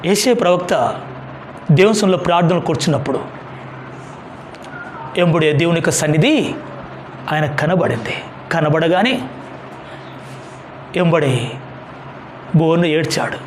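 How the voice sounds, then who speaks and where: A man's voice: on the high side, lively intonation, a little slow, long pauses, a little hiss or hum. A man pastor giving a sermon, preaching emphatically with rhetorical questions and repeated hallelujahs.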